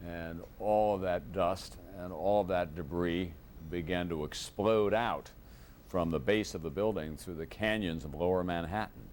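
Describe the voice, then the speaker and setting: A male news anchor with a very low voice speaks in a measured, grave way, pausing often and filling gaps as he talks through live coverage. The sound comes from an old VHS tape of a TV broadcast, with a faint hiss behind it. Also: a little mellow. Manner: measured, grave, with frequent pauses and fillers. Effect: old VHS tape recording of a TV broadcast.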